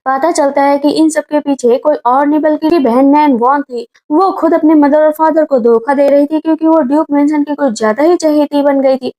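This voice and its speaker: A woman narrating a movie recap as a story, briskly retelling scenes and speaking the characters' lines herself. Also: high-pitched, steady tone, warm tone.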